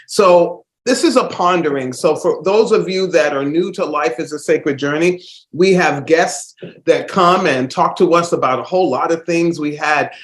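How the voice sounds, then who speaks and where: A slightly high-voiced man, his sound reverberating around him, hosts a laid-back solo podcast despite being stuffed up from a cold. He wanders through his thoughts in a warm-hearted way, peppering them with fillers and frequent restarts.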